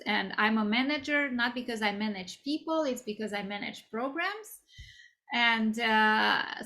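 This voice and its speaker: Interview guest: woman, 40s, high bright voice, chatty with many ums. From Romania. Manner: conversational, many fillers and restarts. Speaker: guest speaker. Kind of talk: career interview.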